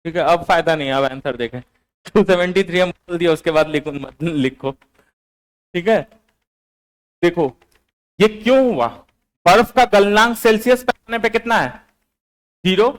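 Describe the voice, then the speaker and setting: A high-pitched male teacher from Bihar, India gives a classroom lecture, slowly dictating notes and repeating them before quizzing his online students.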